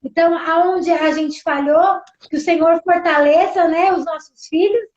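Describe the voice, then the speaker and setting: A middle-aged woman pastor speaks with a Brazilian Portuguese accent in a very high voice. She talks casually, leaning on tag questions and acting out quoted exchanges. The sound is muffled and lo-fi, like a streamed service. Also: a little slow. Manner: chatty, tag questions, animated quoting. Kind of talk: casual church talk.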